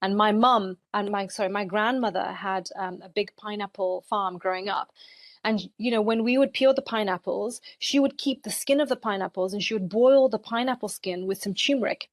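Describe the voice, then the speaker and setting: A woman's voice: medium pitch, normal speed, dry recording. A woman in her forties from Zambia, a dietitian talking conversationally in a podcast interview, with many "you know" fillers. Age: 40s. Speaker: dietitian guest.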